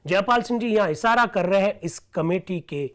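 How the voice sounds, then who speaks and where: A man's voice: high voice, normal speed, a bit bright. A man teaching an online class who reads out old debate records and explains them, often asking whether his listeners follow.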